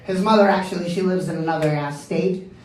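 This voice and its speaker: A man's voice: sits high, steady tone, a little fast, roomy sound, distant mic, background noise. A man with a Boston accent doing a stand-up comedy set, chatty and full of "you know" and "like". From East Boston, US. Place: comedy club stage.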